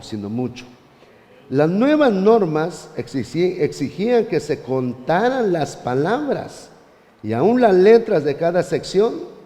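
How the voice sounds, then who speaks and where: A man teaching a church Bible class, animated, often turning to his listeners as brother. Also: on the high side, big-room sound.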